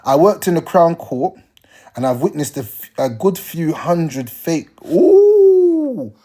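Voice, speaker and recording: A young man talks straight to his livestream viewers, lecturing them in blunt street slang. His voice is husky, and his pitch leaps up and down as he gets worked up. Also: big pitch swings, slow, warm tone. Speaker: live streamer. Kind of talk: casual advice on a livestream.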